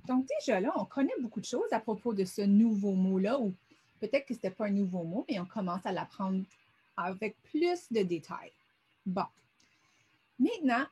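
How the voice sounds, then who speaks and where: A woman's voice: medium pitch, darkish tone, slightly rough. A middle-aged woman teaching a vocabulary lesson over a screen, patiently sounding words out syllable by syllable.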